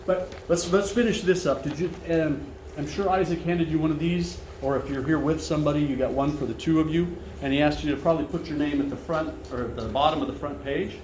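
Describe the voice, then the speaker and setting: Speaking briskly with few pauses and a slightly high, big carrying voice, a man presents a financial seminar to seated attendees, keeping things friendly and easygoing and often asking for questions. He is recorded from far off in a spacious, echoey dining room over constant background noise.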